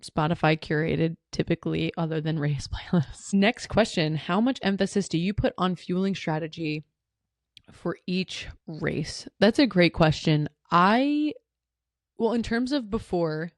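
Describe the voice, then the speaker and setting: A woman's voice: fairly low pitch, unhurried, no echo, clean studio sound. A young woman hosting a solo podcast, answering listener questions in a chatty, rambling way with lots of fillers and restarts. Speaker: podcast host. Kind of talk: solo podcast Q&A, casual chat.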